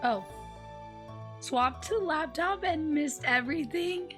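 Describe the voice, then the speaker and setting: A hoarse young woman livestreaming, telling a story in a chatty, laid-back way with lots of "like". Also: high voice, slow pace, a bit bright. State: hoarse, losing her voice. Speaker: streamer. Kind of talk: casual livestream chat. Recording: faint music in the background.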